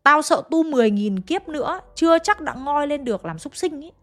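A woman storyteller voicing a blunt, sharp-tongued village mother who speaks her mind with scorn. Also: sits high, lively intonation, a little fast, pitched above the performer's own voice. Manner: blunt, scornful, matter-of-fact.

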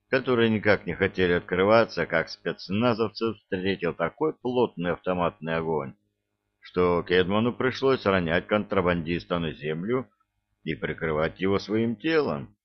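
A male audiobook narrator with a very low voice reads an action novel. He tells it wryly and now and then turns to the listener with ironic asides. The recording sounds dull and lo-fi.

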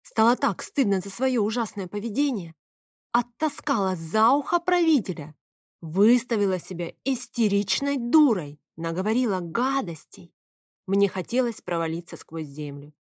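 A woman narrating an audiobook in the first person, telling the story in a lively, expressive way. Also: mid-range voice, normal speed, dry recording, studio quality.

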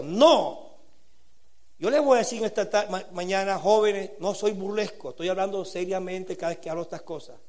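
A man preaching a sermon to young people, earnest, asking rhetorical questions and swinging between quiet and loud passages. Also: high voice. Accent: Latin American Spanish.

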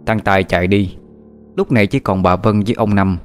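A man's voice: lowish voice, fairly even intonation, a little fast, faint music behind. A man narrating a horror story in a dramatic, suspenseful way.

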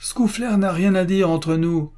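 Man putting on an old father figure, indignant, reproachful, raised pitch, mellow, storybook reading. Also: a little slow. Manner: bitter, reproachful speeches.

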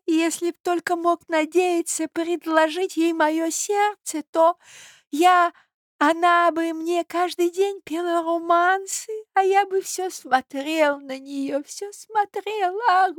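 A woman's voice: very high-pitched, fairly even intonation, slow, no room sound, clean studio sound, pitched above the performer's own voice. A woman voicing a weak, lovestruck old prince who babbles breathlessly and stammers. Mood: rapturous.

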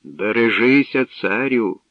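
A man's voice: mid-range voice, slow, no room sound. A man voicing a scheming courtier who whispers slyly like a snake. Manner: hissing, sly. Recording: dull dry studio recording.

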